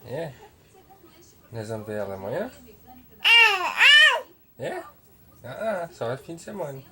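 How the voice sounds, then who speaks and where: Man, father, playful baby talk, home camera recording, loud background noise. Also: mid-range voice, sing-song, measured pace. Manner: playful, teasing, sing-song baby talk. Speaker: father talking to his baby. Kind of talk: home video chat with a baby.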